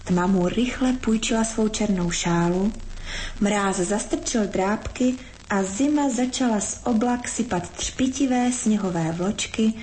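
A woman gently reading a storybook aloud in measured narration. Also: mid-range voice, a little hiss or hum, poor audio.

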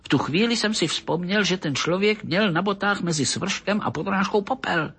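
A man voicing an excitable, irritable middle-aged police detective who talks in agitated bursts in an audiobook reading. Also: high-pitched, husky, pitched above the performer's own voice, heavily acted. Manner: agitated, exclamatory, bursts of shouting.

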